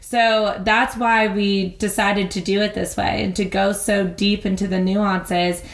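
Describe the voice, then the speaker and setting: Animated woman podcast host, roomy sound. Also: medium pitch. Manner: animated, acts out little scenes in quick voices. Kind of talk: casual podcast chat. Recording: roomy echo.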